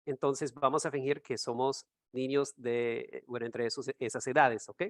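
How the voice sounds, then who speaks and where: A man teaching an English class over a video call, explaining slowly and repeating words for students to echo. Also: medium pitch, flat delivery, studio quality.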